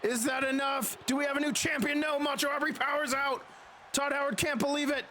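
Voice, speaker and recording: A man doing dramatic, excited pro wrestling play-by-play in the manner of a ringside announcer. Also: very high voice, brisk, a little hiss or hum. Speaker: streamer and wrestling commentator.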